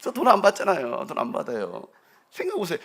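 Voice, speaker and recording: A man's voice: sits high, huge pitch swings, fast, fairly bright tone. A man preaching a sermon as pastor, acting out quoted lines and joking with the congregation. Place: church sanctuary.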